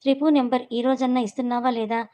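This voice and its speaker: A woman's voice: on the high side, level tone, quick pace, warm tone, close to an everyday voice. Woman doing a mild teasing young man.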